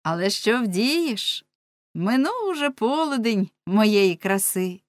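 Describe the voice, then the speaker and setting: A woman's voice: mid-range voice, sing-song, slow pace, no room sound, voice pushed up. A woman playing a pleading, tender wife. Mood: sad. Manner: soft, pleading, earnest. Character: repentant, tender wife, once a beauty.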